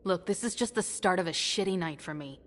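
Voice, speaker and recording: A woman's voice: lowish voice, a little fast, natural voice. An actress playing a tough, sardonic young woman in a video game, wry, guarded and nonchalant. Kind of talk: video game character acting.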